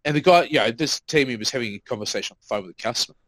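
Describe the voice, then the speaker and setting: A man's voice: mid-range voice, racing, a bit bright, no room sound, poor audio. A man co-hosting a podcast, telling work stories in casual chat, swearing freely and acting out what people said. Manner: swears freely, acts out quoted remarks. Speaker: podcast co-host.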